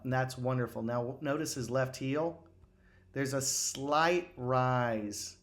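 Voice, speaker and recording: A middle-aged man who works as a golf instructor, giving excited swing-analysis commentary over video, rambling with many fillers and restarts. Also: medium pitch.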